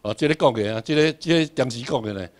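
A man's voice: medium pitch, fast. A man with a Taiwanese Hokkien accent, from Taiwan, giving a classroom lecture in a repetitive, emphatic way and drilling his class on English words.

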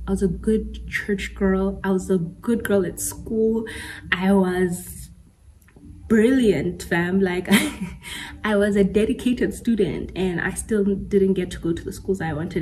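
Casting: woman in her twenties, mellow tone, candid storytelling chat with easy laughs, faint room noise. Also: on the low side, poor audio. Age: 20s. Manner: candid, chatty, laughs often, mixes in Sesotho slang. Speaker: podcast host. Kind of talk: casual personal chat.

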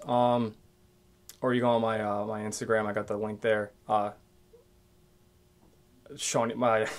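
A man in his twenties hosting his own podcast, ranting casually alone, swearing often and rambling with many restarts. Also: medium pitch. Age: 20s. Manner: profane, rambling, restarts a lot. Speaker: podcast host. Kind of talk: casual solo rant.

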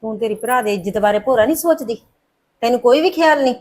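A middle-aged mother, played by a woman, scolds and coaxes her daughter in a Punjabi short film. She speaks with a Punjabi accent in a fairly high voice. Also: lively intonation, quick pace, a little mellow. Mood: scolding. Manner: scolding then coaxing. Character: worried mother torn between son and daughter.

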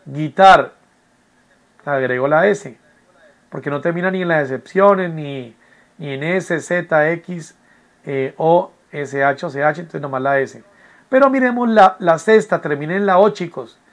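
Teaching an English lesson from home, this man speaks at a measured pace in a voice on the high side. He is patient and repetitive, often checking that his students are following along in this recorded online class explanation.

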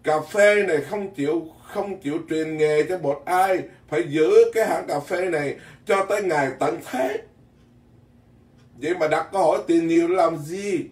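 Folksy monk preaching. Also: male voice, a little high, moderate pace. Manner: folksy, blunt, animated, repeats words while searching. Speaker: Buddhist monk teacher. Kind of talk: dharma talk sermon. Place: temple hall in Virginia. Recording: echoey hall, mic at a distance.

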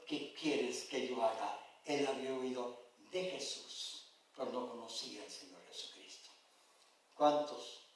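A man pastor giving an impassioned sermon and putting questions to his congregation. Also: a little high. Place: church sanctuary. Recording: very echoey church hall, mic far off.

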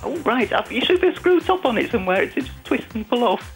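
A man with a squeaky helium-like voice, chatting casually and hesitantly as a polite, self-deprecating caller to a quiz show. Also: sing-song, fast talker, creaky, soft background music. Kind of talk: casual chat.

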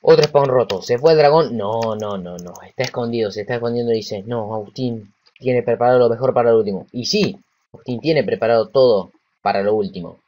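A man with a Rioplatense Spanish accent giving casual let's-play commentary. He is excitable, talks to himself and to the game, and swears when frustrated. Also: mid-range voice, a little fast, highs cut off. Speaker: gameplay commentator.

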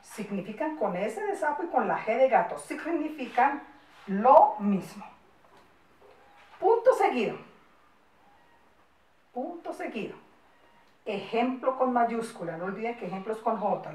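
A woman's voice: fairly high pitch, lively intonation, normal speed, a little mellow, recorded from a distance. A woman, a primary school teacher giving a recorded class to young children, dictating patiently with coaxing questions and many diminutives. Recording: echoey room, mic set back.

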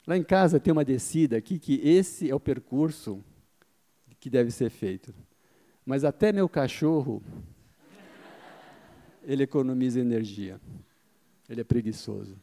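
An animated but unhurried middle-aged man, his mellow voice at medium pitch, pauses often as he speaks. He's giving a marketing talk through a handheld microphone to a seated audience in an event hall, explaining his ideas, answering his own questions, and repeatedly using "tá?"

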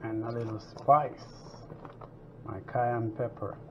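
In his home kitchen, a man takes his time talking through a cooking tutorial in a mid-range voice. He's easygoing and conversational as he works, on a dull lo-fi recording with kitchen noise.

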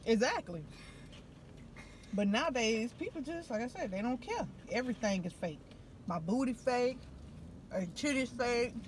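Middle-aged woman gabbing in a car, slangy and chatty, voice a bit high, little bit of background hiss. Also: animated, normal speed, long pauses. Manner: chatty, slangy, laughing wrap-up. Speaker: host. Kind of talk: casual eat-with-me chat. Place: inside a car.

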